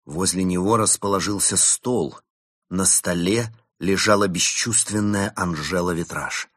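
A man narrating an audiobook story in a steady, expressive reading. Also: sits low, unhurried, no room sound, studio quality.

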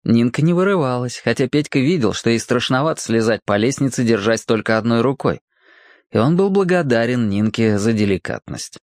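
Lively storybook narrator. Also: mid-range voice, fairly quick, dry recording, clean studio sound. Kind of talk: reading a children's story aloud.

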